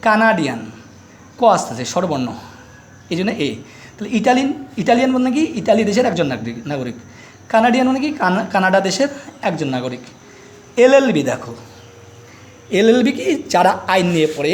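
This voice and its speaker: A middle-aged male teacher walks through a grammar lesson. His voice sits high for a man. He keeps asking short questions and answering them himself. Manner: explains step by step with repeated quiz questions. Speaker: English teacher. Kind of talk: grammar lesson explaining articles.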